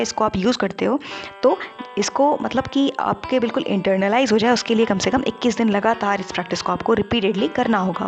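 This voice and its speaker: A woman's voice: mid-range voice, creaky, muffled recording. Woman narrating study tips over music. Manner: conversational teaching, addresses viewers directly. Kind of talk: explainer narration for an animated video.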